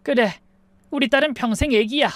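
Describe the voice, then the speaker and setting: A woman's voice: sits high, normal speed, no room sound, pitched above the performer's own voice, natural voice. A woman voicing a doting father of the bride who sounds affectionate and reassuring, in a dry recording.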